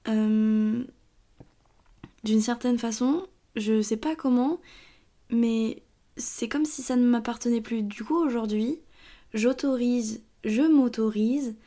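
A young woman hosting her own podcast, talking through her thoughts in a tired, halting way with many fillers and restarts. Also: a little high, warm tone. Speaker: podcast host. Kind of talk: casual personal monologue.

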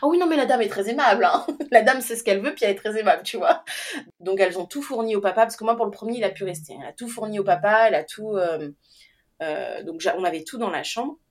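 A woman's voice: medium pitch, quick pace. A young adult woman telling her own story in casual chat, acting out the voices in her quotes and laughing often. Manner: animated, acts out quoted dialogue, laughs often.

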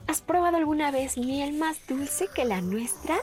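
A woman's voice: sits high, lively intonation, takes it slowly, darkish tone, pitched above the performer's own voice. A woman voicing a practical, supportive farmer's wife who speaks in a coaxing way.

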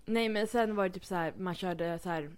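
A woman's voice: lowish voice, smooth. Chatty young woman telling stories. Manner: chatty storytelling, acts out quotes, many fillers. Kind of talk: casual chat.

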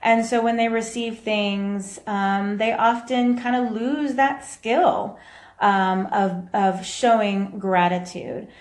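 A woman's voice: medium pitch, takes it slowly. A woman hosting a casual live video as a mom coach, chatting with viewers and reacting to their comments, recorded in an echoey room. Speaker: podcast host and mom coach.

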